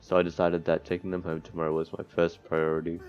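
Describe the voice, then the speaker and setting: A deep male voice with a completely flat delivery rattles quickly through visual novel text in a let's play. He trips on words and breaks off for offhand asides. The mic sounds dull and lo-fi, with game music playing behind.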